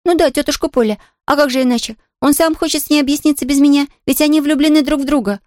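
Woman doing a bubbly, excitable little girl. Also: sits high, fast talker, dry recording, clean studio sound, voice pushed up, lightly acted. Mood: eager. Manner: bubbly, excited, breathless rush. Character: cheerful chatty young girl, eager.

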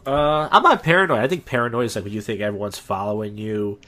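A man with a somewhat low voice talks on a casual podcast. He rambles, doubling back with fillers and restarts as he explains himself. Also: fast talker, bright, forceful tone. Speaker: podcast host.

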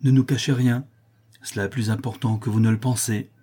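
A man's voice: mid-range voice, fairly even intonation, brisk, slightly rough, close to an everyday voice. A man voicing a grave, solemn male protector who speaks with conviction in a storybook reading. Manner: grave, solemn, forceful declamation.

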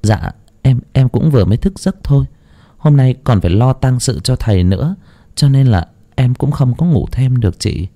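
A man's voice: medium pitch, animated, moderate pace, dark tone, pitched above the performer's own voice, natural voice. A man voicing a timid young third wife in a storybook tale, replying hesitantly and deferentially.

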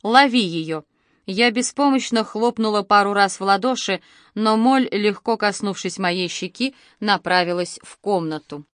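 A woman narrating a first-person novel in a measured, expressive storytelling voice. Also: mid-range voice, no echo, studio quality. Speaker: audiobook narrator.

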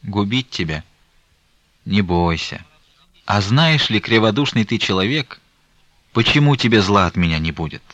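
A man reading the part of a stern, grieving old merchant, talking in a slow, weighty, reproachful way. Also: on the low side, lively intonation, fairly bright tone, dry recording.

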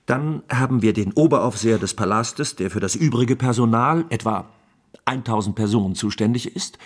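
A male actor with a husky, lowish voice plays the imperial guard's captain in a German radio drama, an affable, courteous and persuasive chatterbox. His performance is heavily acted.

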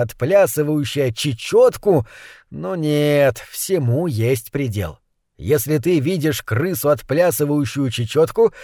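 A man's voice: a little high, a little mellow, no room sound. Man narrating an audiobook, dry close sound. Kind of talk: scripted narration.

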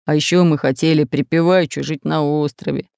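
A woman voicing a fat red-bearded pirate in a storybook, deep and pleading. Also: fairly even intonation, brisk, gravelly, darkish tone, clear, resonant tone, dry recording, clean studio sound. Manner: pleading, plaintive.

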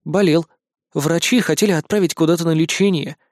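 A man's voice: a little high, a little fast, darkish tone, no room sound, clean studio sound, lightly acted. A man voicing an honest fifth-grade boy, earnest and plain-spoken.

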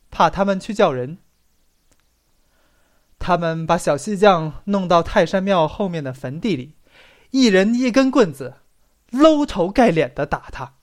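The medium-pitched voice of an audiobook narrator carries a literary story, read expressively with stress placed on its most dramatic phrases.

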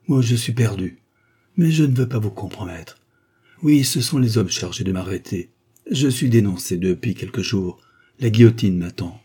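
A man's voice: fairly low pitch, mellow, breathy edge. A man voicing a doomed aristocratic count, speaking with courtly, earnest declamation. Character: doomed aristocratic male count, gracious and composed.

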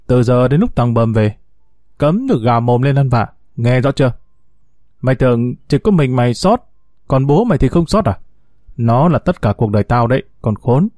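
A man's voice: medium pitch, sing-song, moderate pace, no room sound, studio quality, close to an everyday voice. A man voicing a domineering village father who hurls insults and threats at his wife and the kidnappers. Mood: raging. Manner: shouting insults, hissing threats. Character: hot-tempered domineering father, coarse and threatening.

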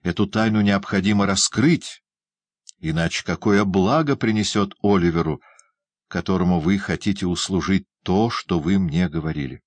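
A man reading the part of a kind, gentle young lady who speaks earnestly in an audiobook. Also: low-pitched, moderate pace, no room sound. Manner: earnest, persuading.

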